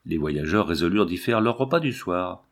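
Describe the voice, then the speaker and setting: A man reading a classic novel aloud as an audiobook narrator, in a measured, even storytelling delivery. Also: low-pitched. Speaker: audiobook reader.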